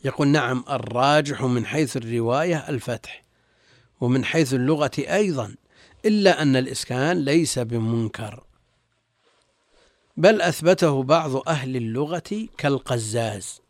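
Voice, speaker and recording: A man's voice: mid-range voice, animated, moderate pace, dry recording, studio quality. A male religious scholar reading and explaining texts in formal classical Arabic, repeating phrases as he goes. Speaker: religious scholar, guest teacher.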